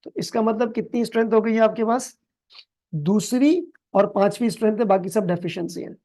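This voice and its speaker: Male accounting tutor with a Pakistani accent and a mellow voice. He reads case text word by word and coaxes the class along. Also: high-pitched. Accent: Pakistani Urdu. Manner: explains slowly in Hindi-Urdu with English terms, calls students "beta"; reads English passages very slowly and deliberately. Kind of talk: recorded video lecture.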